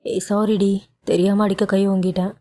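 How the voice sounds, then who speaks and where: A woman voicing a proud, hot-tempered young husband who talks in a sharp, insistent way. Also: medium pitch, level tone, moderate pace, natural voice. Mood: apologetic.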